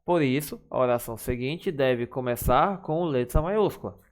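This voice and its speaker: A man's voice: medium pitch, animated, moderate pace. A man teaching a recorded Spanish lesson to schoolchildren, explaining patiently and speaking straight to his pupils.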